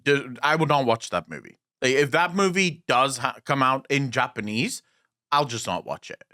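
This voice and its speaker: A podcast co-host whose first language is Afrikaans chats casually about gaming, ranting in a blunt, profane, opinionated way. His medium-pitched voice is animated, pushed, and bright, at a moderate pace.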